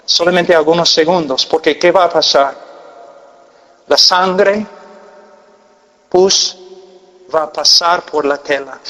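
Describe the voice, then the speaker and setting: In a big, echoing church hall, a man with an American accent delivers an earnest sermon, his words trailing long reverb. He speaks slowly with long pauses, his fairly high voice rising to emphatic heights, then sinking into quiet, intense near-whispers; Peruvian Spanish is a language he picked up late.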